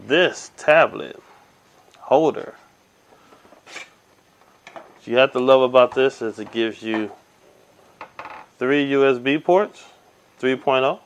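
A man's voice: mid-range voice, slow, pauses often, a little hiss or hum. A man giving a casual hands-on tech demo at a table indoors, narrating each step with frequent ums and uhs. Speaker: tech reviewer. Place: indoors at a table by window blinds.

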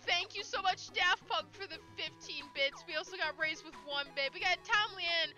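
A woman live streamer chatting excitedly at home, squealing, laughing and swearing as she thanks her viewers. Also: very high voice, moderate pace, faint music behind, rough recording.

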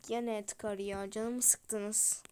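A woman chatting casually over her gameplay, whiny and grumbling, pleading with the game and dropping into quick whispered asides. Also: mid-range voice, level tone, mellow, a little hiss or hum. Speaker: gaming channel host.

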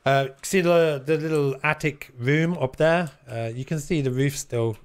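A man chats casually through a live game stream. His voice sits a little high for a man, and his manner is talkative and teasing. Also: unhurried, clean tone. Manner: chatty, teasing. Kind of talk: casual live gameplay commentary.

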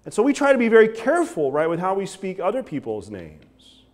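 A man's voice: high-pitched, brisk. A man in his thirties preaching an evening sermon from a church pulpit, gesturing and often asking "right?". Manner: animated preaching with frequent "right?" asides and hand gestures. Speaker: pastor.

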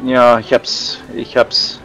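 A man playing a game with a friend in casual banter, calling out directions over and over in a lively voice. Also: medium pitch, soft background music. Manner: lively, shouts out directions in rapid repeats. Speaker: let's play co-player.

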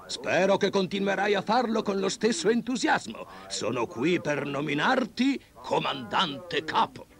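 An actor playing a jolly old Santa Claus in a vintage cartoon dub, with a hearty, exclamatory manner. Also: male voice, high-pitched, very animated, unhurried, hardly any pauses, over loud music, exaggerated voice. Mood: proud, fatherly.

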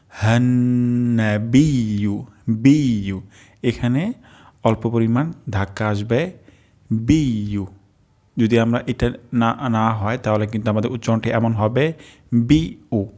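A man teaching a pronunciation lesson, who slowly draws out each syllable as he models the sounds. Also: medium pitch, darkish tone. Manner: slow, careful instruction.

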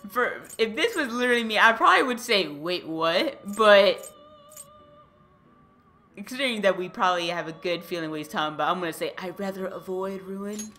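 A woman's voice: mid-range voice, animated, fast, long pauses, bright, forceful tone, soft background music. A woman giving casual, chatty, playful game commentary, reacting and reading dialogue aloud. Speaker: gamer playing and commenting.

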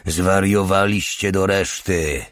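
A man's voice: deep voice, steady tone, takes it slowly, a bit bright, no room sound, studio quality. A man doing a stern old sergeant. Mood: reproachful. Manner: reproachful, lecturing. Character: stern older male sergeant, indignant.

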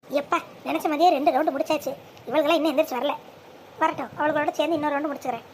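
Someone doing a squeaky, rapid-fire old granny. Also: steady tone, slight background noise. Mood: pleased. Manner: rapid, scolding, sharp-tongued. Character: bossy old grandmother, mother-in-law.

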